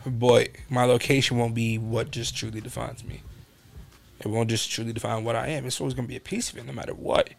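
Gravelly young man telling stories. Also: medium pitch, brisk, slight background noise. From New York. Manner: animated, acts out quotes in raised voices. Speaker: podcast host. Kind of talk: casual storytelling chat.

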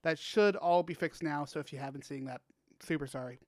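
A man's voice: a little high, fairly quick, dry recording. Man, podcast host, casual upbeat chat, rambling with fillers, dry close mic.

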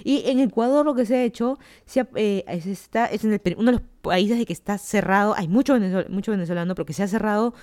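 Peruvian woman podcast host, smooth clear voice, mid pitch, loose opinionated monologue. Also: fast, few pauses, darkish tone. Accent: Peruvian Spanish. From Peru. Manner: chatty, opinionated, rambling with asides. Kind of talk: casual solo commentary. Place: home in Miami.

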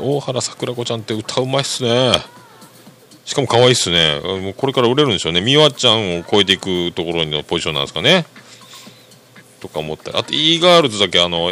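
A man hosting a podcast, rambling casually about music in a chatty, lively way. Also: lowish voice, quick pace. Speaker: podcast host.

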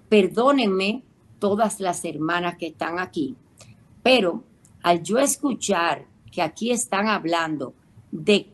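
Slow-talking woman telling a story. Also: mid-range voice. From Caribbean. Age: middle-aged. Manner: emotive storyteller acting out quoted voices. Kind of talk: storytelling in a radio conversation.

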